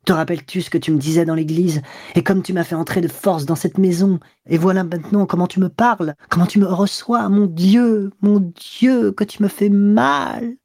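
A man voicing a tearful middle-aged woman who pleads with her lover in an audiobook, raising his voice higher and louder as she grows more desperate. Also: normal speed, slightly rough, dry recording, studio quality. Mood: pleading. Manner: imploring, wounded.

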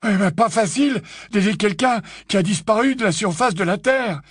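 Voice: medium pitch, expressive, normal speed, breathy edge, dry recording, clean studio sound, pitched above the performer's own voice. A reader voicing a gloomy grown man who speaks in a heavy tone in an audiobook. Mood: glum. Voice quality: heavy, glum.

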